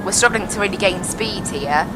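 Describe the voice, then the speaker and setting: Woman sim pilot chatting into a cockpit headset, explains as she goes, steady noise behind. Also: medium pitch, moderate pace. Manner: chatty, explains as she flies, repeats "I have to be honest". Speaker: flight sim pilot and streamer. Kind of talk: casual live-stream commentary over a cockpit headset.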